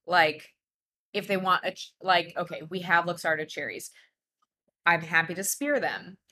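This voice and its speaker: Bright-voiced chatty woman host. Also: lowish voice, steady tone, moderate pace. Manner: chatty, laughs easily, lots of fillers. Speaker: podcast host and bartender. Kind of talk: casual interview chat.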